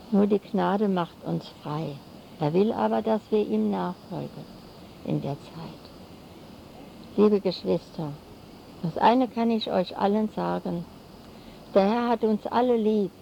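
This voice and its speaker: An older woman preaching a solemn sermon to a congregation, speaking slowly and weaving rhymes into her phrases. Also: fairly low pitch, vocal fry. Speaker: lay preacher. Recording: dull lo-fi recording with faint noise.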